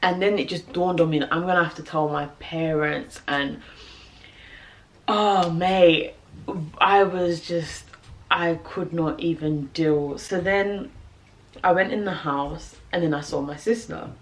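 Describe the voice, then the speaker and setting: A young British woman telling a personal story to camera, animated and laughing, with lots of fillers. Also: fairly low pitch, measured pace. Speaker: vlogger.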